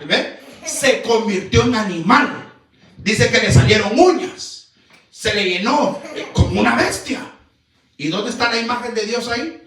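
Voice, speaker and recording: A man preaching in a church, with a very high voice that swoops up and down as he stresses his points. He fires rhetorical questions at the congregation and breaks into shouts. The sound carries heavy reverb from the hall. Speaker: pastor. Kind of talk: Pentecostal-style sermon. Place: church sanctuary. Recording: very echoey church hall, mic far off.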